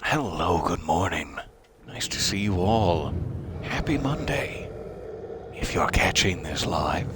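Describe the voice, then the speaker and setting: Low-voiced droll male game streamer. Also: animated, takes it slowly. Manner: droll, mock-polite. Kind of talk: wry, playful game commentary. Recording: clear game ambience noise behind.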